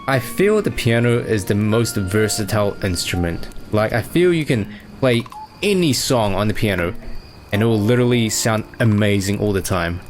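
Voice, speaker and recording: A man's voice: fairly low pitch, expressive, normal speed. A young man chatting casually as he answers fan questions, easygoing and rambling with plenty of fillers. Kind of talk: casual chat. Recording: music playing behind.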